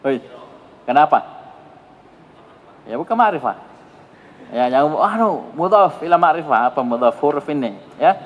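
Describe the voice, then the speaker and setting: A slightly high, animated male voice belongs to an Indonesian Arabic grammar teacher repeatedly prompting his pupils during a classroom drill, briskly coaxing answers. The audio is dull and lo-fi with a long hall reverb.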